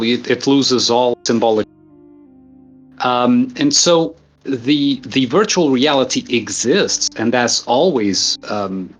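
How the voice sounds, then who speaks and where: Earnest man explaining ideas. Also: medium pitch. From Portugal. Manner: earnest, explaining at length with examples. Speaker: guest thinker. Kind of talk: casual philosophical conversation.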